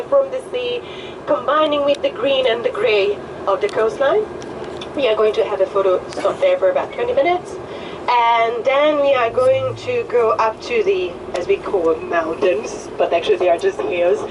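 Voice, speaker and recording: A woman with a Hungarian accent, a tour guide giving chatty, joking commentary on a coach, her voice a little hoarse. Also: fairly high pitch. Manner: friendly, chatty, joking with the group. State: slightly hoarse. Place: tour bus. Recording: distant voice with vehicle noise.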